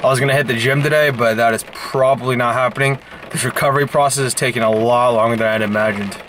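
A man's voice: mid-range voice, steady tone, quick pace, a bit bright, slight background noise. A man in his twenties giving a casual diary update, his mouth slightly swollen after wisdom teeth removal. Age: 20s. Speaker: vlogger. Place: parked car, driveway and bedroom. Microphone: handheld camera at arm's length.

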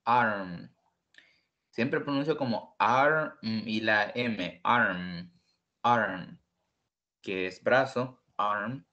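A man's voice: on the low side, drawn-out words, bright, forceful tone, dull audio. A man teaching an online English lesson, patiently repeating each word several times. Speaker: English tutor.

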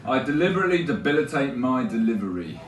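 A man's voice: mid-range voice, very animated, quick pace. A man in his thirties performing spoken word poetry on a small stage, with a rhythmic, tongue-twisting rhyming delivery. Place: small stage with colored lights. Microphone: stand mic, filmed by a far camera. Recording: echoey room from far off.

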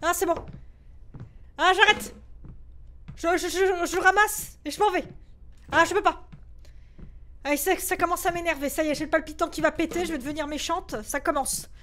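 Jumpy, high bright-voiced woman yelping. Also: steady tone, fairly quick. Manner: jumpy, yelps and swears when startled; talks to herself in nervous bursts. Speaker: gaming video creator. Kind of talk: horror game commentary.

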